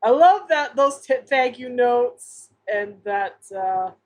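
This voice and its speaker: A woman's voice: a little high, lively intonation, slow, a little mellow. A woman co-hosting a podcast in casual, enthusiastic chat, laughing often. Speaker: podcast co-host.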